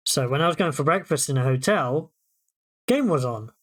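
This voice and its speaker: A man's voice: on the high side, animated, moderate pace. A British man co-hosting a podcast, chatting eagerly about football and telling stories. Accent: British English. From United Kingdom. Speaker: podcast co-host. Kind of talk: casual sports chat.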